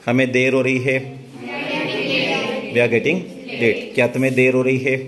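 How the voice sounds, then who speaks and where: A man teaching English grammar at a deliberately slow pace, repeating each phrase. He checks in with his students as he goes. The clear buzz of a roomful of students sits behind his voice. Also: medium pitch, completely flat delivery, over a noisy crowd. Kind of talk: classroom grammar lesson.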